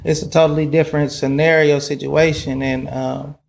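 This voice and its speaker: A man's voice: a little high, level tone, normal speed, gravelly. A man in his thirties from Oakland, a podcast guest, talking in a casual, streetwise way with many fillers. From Oakland, California. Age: 30s. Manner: streetwise, lots of "like" and "you know what I'm saying".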